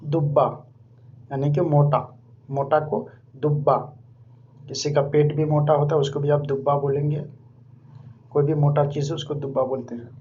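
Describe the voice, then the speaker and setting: Man, casual vocabulary lesson, slow repetitive drilling, fairly high voice, dull recording with faint hum. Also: little pitch movement. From India. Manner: repeats each word several times, slow and deliberate. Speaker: language teacher. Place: living abroad in Saudi Arabia.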